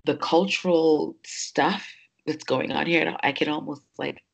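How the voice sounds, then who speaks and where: A woman's voice: deep voice, fairly even intonation, unhurried, gravelly, muffled recording. A woman who grew up in New York hosts a podcast, speaking in a casual, reflective way with many fillers as she thinks aloud. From New York, United States. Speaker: podcast host.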